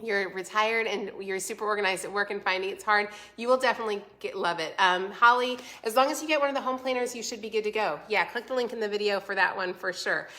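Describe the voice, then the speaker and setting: A woman in her forties hosts a casual livestream selling a home planner, answering viewer comments encouragingly. Her mid-range voice is bright and forceful but stuffy and congested from a cold, and she talks quickly with hardly any pauses.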